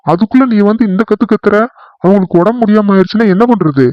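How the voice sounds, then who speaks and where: A man's voice: high-pitched, fast, no room sound, dull audio, natural voice. Man doing a tired, scolding village husband. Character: weary office-going village husband.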